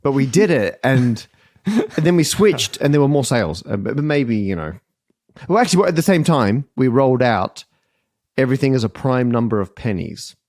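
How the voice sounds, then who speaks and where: A man's voice: mid-range voice, expressive, normal speed, a little mellow, dry recording, clean studio sound. A man hosting a podcast panel game, explaining answers wryly. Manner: wry, explanatory. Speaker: quiz host.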